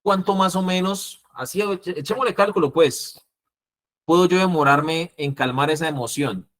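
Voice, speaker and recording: A man with a Colombian accent teaching an interviewing class, acting out the calm phrases he wants students to use. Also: on the high side, moderate pace. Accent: Colombian Spanish. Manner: lively, acts out calming phrases. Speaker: instructor.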